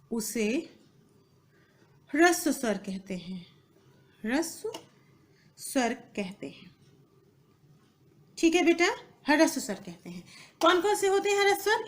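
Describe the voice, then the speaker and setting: A woman teaching a Hindi grammar lesson to children, slowly repeating key phrases and asking her pupils questions. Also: high-pitched. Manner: slow, patient, repeats key phrases and asks pupils questions, calls them "beta".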